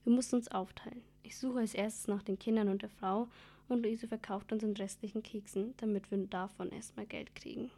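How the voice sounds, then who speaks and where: A woman reading a children's story aloud in first person. Her voice is mellow and dark, and her pitch stays flat. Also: brisk.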